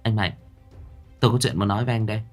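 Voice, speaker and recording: A hard-edged young policewoman with a cold, commanding delivery, as a male storyteller puts her on. She sits low and barely changes her voice from the teller's own. Background music plays softly under her. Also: fairly even intonation, racing, lightly acted. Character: tough young female police officer.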